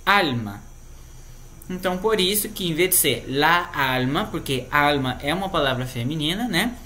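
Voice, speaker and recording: Bright-voiced Brazilian man teaching grammar. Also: on the high side, expressive, normal speed, slight background noise. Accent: Brazilian Portuguese. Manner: patient, explanatory, tags sentences with "né?". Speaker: Spanish teacher. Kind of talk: explaining grammar lesson.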